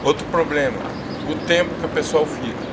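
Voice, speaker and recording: Rich: A man with a slightly raised voice speaks thoughtfully about his experiences, posing questions to the listener. He stands outdoors on a city street, and loud traffic roars behind him. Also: fairly high pitch, fairly quick. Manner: reflective, asks rhetorical questions. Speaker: interviewee, former shelter resident. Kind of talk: documentary testimony.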